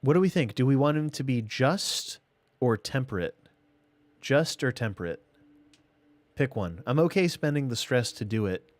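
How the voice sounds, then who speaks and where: In a mid-range voice and a clean, echo-free recording, a male streamer gives relaxed live commentary on a strategy game. He thinks out loud and chats casually to himself and his audience.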